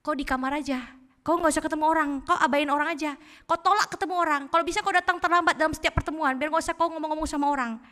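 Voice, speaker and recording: A woman's voice: high-pitched, fairly even intonation, pitched above the performer's own voice. A woman playing a sly, coaxing devil. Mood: sly, egging on. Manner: wheedling, urging on in a loud quick voice. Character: cunning male devil, sly coaxing tempter. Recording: echoey church hall.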